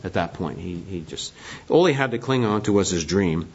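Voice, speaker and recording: A man's voice: low voice, expressive, normal speed, a little mellow, breathy edge. Man teaching a Bible class, lo-fi. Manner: conversational, asks the class questions. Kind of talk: Bible study lesson. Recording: dull lo-fi recording.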